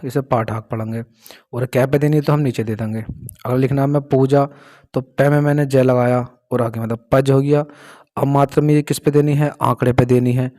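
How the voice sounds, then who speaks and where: A man's voice: mid-range voice, mellow. Man patiently teaching shorthand. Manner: patient, asks and answers his own questions. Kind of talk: explaining a lesson step by step.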